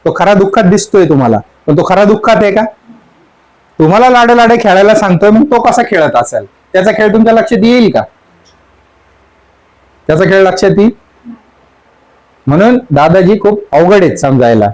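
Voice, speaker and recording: A man's voice: high-pitched, expressive, moderate pace, pauses often, a little mellow, low-quality recording. A man, a spiritual teacher, giving a sermon that explains song lyrics. He keeps asking his listeners questions and repeats the song line again and again. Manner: asks the audience question after question.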